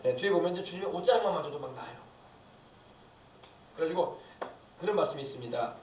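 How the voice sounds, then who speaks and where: A man's voice: a little high, animated, fast, a little mellow, slight background noise. A male pastor preaching a sermon in a church, fervent and emphatic, with many rhetorical questions to the congregation. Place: church sanctuary. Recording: echoey church hall, mic at a distance.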